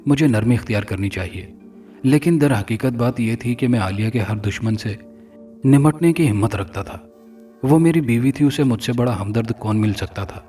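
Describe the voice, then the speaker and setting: A man reading a first-person horror story in a measured, dramatic way. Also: medium pitch, a little mellow. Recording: distant mic, faint music.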